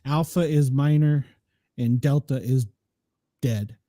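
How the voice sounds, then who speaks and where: A man's voice: medium pitch, slow pace, dark tone, dry recording, clean studio sound. A man giving casual explanatory commentary, breaking things down in short phrases. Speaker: commentator explaining scanner traffic.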